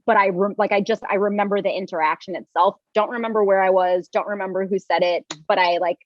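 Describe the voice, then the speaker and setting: A young woman, a yoga teacher and coach, is a guest on a podcast, rambling casually with many restarts and fillers. Her voice is medium-pitched, without echo, and the highs are cut off.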